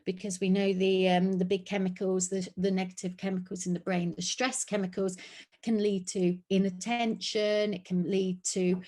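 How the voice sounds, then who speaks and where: A woman with a British accent presenting an online webinar, speaking in an earnest, reassuring way and modeling gentle phrases to say to children. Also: medium pitch, little pitch movement, moderate pace. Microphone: video call.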